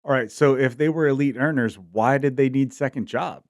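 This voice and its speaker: A man's voice: mid-range voice, a little fast, no echo, clean studio sound. A man co-hosting a podcast, asking leading questions and joking along. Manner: jokey, asks leading questions. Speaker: co-host. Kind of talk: casual podcast chat.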